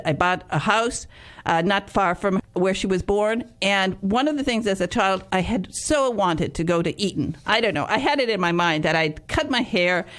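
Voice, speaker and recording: A woman hosting a radio interview, chatty and rambling, laughing often between her questions. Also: mid-range voice. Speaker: radio host. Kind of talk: casual interview chat.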